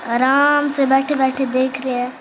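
A woman's voice: high voice, level tone, measured pace, muffled recording, slight background noise. A woman vlogging casually outdoors with her phone, chatty and always telling viewers to look. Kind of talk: casual walking vlog. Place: outdoors in a village around home. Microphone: phone held while walking.

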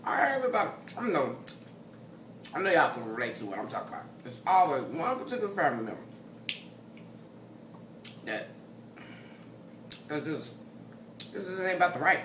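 A woman's voice: deep voice, sing-song, normal speed, long pauses. An American woman in a casual mukbang chat, chewing while she talks as she eats. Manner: chewing while talking, eating salad. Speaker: mukbang host. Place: indoor room at a table. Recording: roomy echo, faint background noise.

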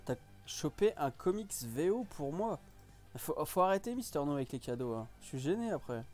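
A man's voice: on the high side, big pitch swings, normal speed, darkish tone, faint music behind. A man hosting a casual live stream, chatting and reacting to viewers' comments.

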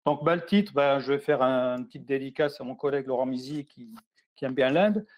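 A man demonstrates a teaching tool in a relaxed, plain way. His voice sits in the middle range. He explains as he goes and pauses on fillers. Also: medium pitch. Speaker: teacher trainer. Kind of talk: screen-share tutorial.

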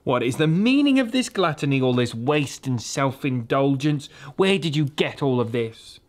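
A man's voice: medium pitch, big pitch swings, normal speed, voice pushed up, natural voice. A man reading aloud, voicing a cruel, imperious witch queen who snaps and roars commands. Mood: scornful. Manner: commanding, snapping and roaring.

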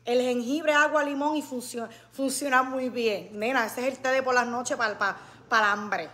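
A woman hosting a casual live stream, chatting lively with her viewers and calling them nena. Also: on the high side, moderate pace.

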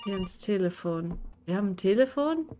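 A woman's voice: mid-range voice, lively intonation, moderate pace, warm tone. A young woman giving casual commentary on a horror game she is playing, jumpy and swearing, screaming at the scares. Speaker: gaming streamer.

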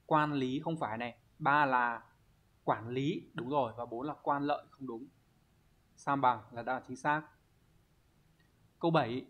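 A man's voice: mid-range voice, steady tone, moderate pace, pauses often, a bit bright. Patient man teaching Japanese vocabulary. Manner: patient, explanatory, frequent check-in questions. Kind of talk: explaining exam answers.

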